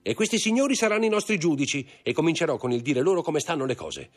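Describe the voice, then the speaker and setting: A man voicing an indignant, haughty aristocratic baroness in a high, scolding put-on voice for an audiobook. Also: sing-song, fast talker, faint music behind. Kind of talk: audiobook character voice.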